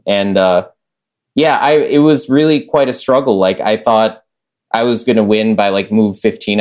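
A man's voice: on the low side, darkish tone. A young man chatting as a podcast guest, rambling with lots of filler words. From United States. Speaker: podcast guest, chess master. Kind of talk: casual conversation.

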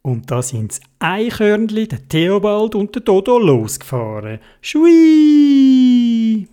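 A storyteller with a Swiss German accent telling a children's story in an animated, sing-song way. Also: medium pitch, unhurried.

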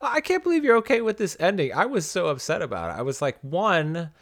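A man's voice: high-pitched, very animated, brisk, fairly bright tone, dry recording, studio quality. A man co-hosting a casual comic book talk, summarizing plots in a wry, critical manner. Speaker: podcast co-host.

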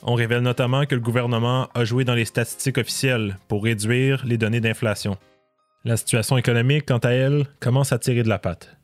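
A man delivering scripted documentary narration in a measured, explanatory way. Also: mid-range voice, steady tone. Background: faint music.

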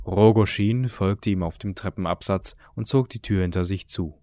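A man reading an audiobook in a calm, measured way. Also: low-pitched, no room sound, studio quality. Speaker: narrator.

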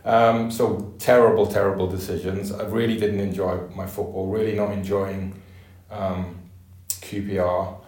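A man's voice: low voice, little pitch movement, moderate pace, a little mellow. A middle-aged man with a Welsh Valleys accent, reminiscing in a casual interview in a hesitant, matter-of-fact way. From Merthyr Tydfil, south Wales. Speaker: podcast guest, former footballer. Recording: roomy, echoey sound.

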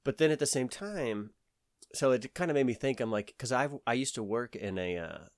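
A man's voice: mid-range voice, lively intonation, normal speed, no echo, clean studio sound. A man from the American South with a Southern accent, telling a long story in casual conversation, rambling with many fillers and restarts.

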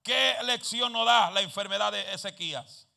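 A man preaching a sermon in a church, moving between quiet, joking asides and shouted calls for amen. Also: sits high, normal speed, gravelly.

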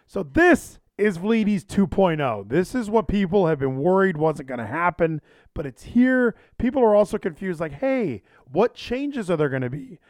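A male livestream host chats casually and rambles, doubling back on his phrases. His voice is a bit high for a man, recorded dry. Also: a little mellow, dry recording. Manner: rambling, self-interrupting, repeats phrases. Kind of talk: casual chat. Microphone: handheld microphone.

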